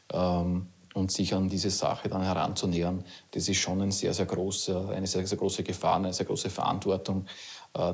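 A rescue officer in his thirties with an Austrian accent talks in a measured, explaining way. His voice sits very low and flat, with a husky edge. He is interviewed outdoors at night. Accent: Austrian German.

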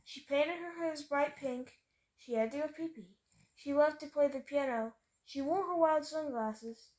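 This picture book reader has a high-pitched, slightly mellow voice and takes her time, reading a children's story with playful, sing-song emphasis on the rhymes. She's indoors in a bedroom at home. It's a home video, so the audio is poor and background noise is clearly audible.

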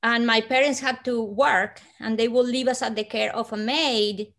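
A Colombian woman in her forties, with a Colombian Spanish accent, tells a personal story as an interview guest over a video call from her living room. Her voice is a little high and steady, slow and hushed, with soft breathy dips and sudden lifts.

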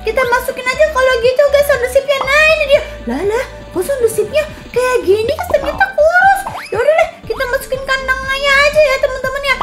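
An excitable woman narrating her game to viewers in casual commentary. Her voice sits very high, and clear music plays behind her throughout. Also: fast. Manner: excitable, chatty, addresses viewers. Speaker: gaming channel host. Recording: game video with background music.

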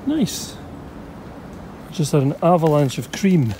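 A man's voice: mid-range voice, moderate pace, darkish tone, a little hiss or hum. A Scottish man talking casually to camera while digging for old bottles outdoors, chatty and enthusiastic, thinking aloud. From Scotland. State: out of breath at times. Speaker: bottle digger and vlogger. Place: outdoor dig site.

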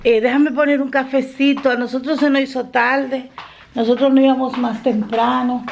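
A woman's voice: high-pitched, flat delivery, normal speed, vocal fry, darkish tone, muffled recording. A middle-aged woman vlogging for her family channel, telling stories to the camera in a chatty way and acting out what people said, recorded on a phone. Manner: chatty storyteller, laughs often, acts out quoted lines. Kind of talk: casual chat to camera. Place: in a car and around stores. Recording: traffic and car noise behind.

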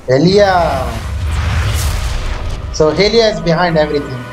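Male gamer, slightly high voice, casual co-op chat with game music behind. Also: animated, unhurried.

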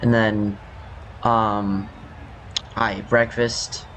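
A man's voice: lowish voice, little pitch movement, extremely slow, a bit bright. A young man giving casual, rambling commentary over his own gameplay, his voice scratchy from just waking up. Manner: rambling, self-correcting, apologetic. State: scratchy morning voice. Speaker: gaming youtuber.

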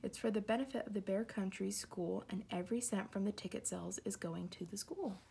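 Woman reading as eager Papa Bear, softly spoken. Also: medium pitch, brisk, vocal fry, slight background noise, natural voice. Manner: enthusiastic, gets carried away. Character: eager fussy father bear.

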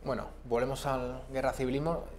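A man's voice: medium pitch, little pitch movement, fairly quick, background noise. A young adult man hosting a discussion in a TV news studio, steering it with questions and an ironic edge, recorded on a lapel mic. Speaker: TV presenter.

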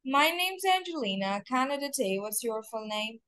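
High-voiced woman examiner, dry sound. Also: sing-song, bright, forceful tone, dry recording. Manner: clear, measured questioning. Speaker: English test coach. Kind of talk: mock speaking test examiner.

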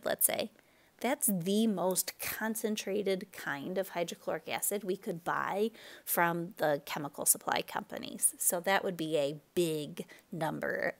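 A woman chemistry teacher giving a relaxed recorded lecture, explaining with fillers and self-corrections. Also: fairly low pitch, creaky.

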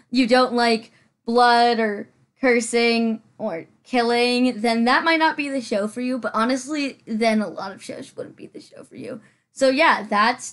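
A woman with a slightly high voice talks through her build in a loose, rambling voice-over. She is chatty and self-deprecating and full of fillers. She sounds a little out of breath and sits a bit back from her microphone at home. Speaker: Sims building channel host. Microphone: farther from the mic than usual.

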